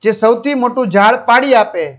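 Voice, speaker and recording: Guy putting on a playful boasting elephant boy, higher pitched, storybook sing-song, kinda muffled sound. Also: moderate pace, fairly bright tone. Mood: boastful. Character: big playful male elephant, childlike boaster.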